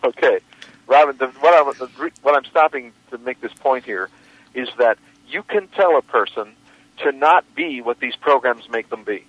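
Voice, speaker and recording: A man's voice: medium pitch, moderate pace, no echo. A man hosting a radio show as a coach, probing his guest with questions and repeating key phrases for emphasis. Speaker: radio host and life coach. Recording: dry, dull lo-fi radio audio.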